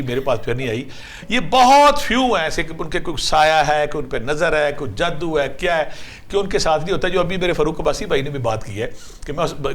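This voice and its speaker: A man's voice: medium pitch, a little hiss or hum. Guy on a call-in show, fatherly, calls ppl daughter, rattles off prayers. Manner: storytelling, calls callers 'daughter' and 'son', lists recitations. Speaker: numerology and spiritual advice guest. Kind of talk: animated call-in advice.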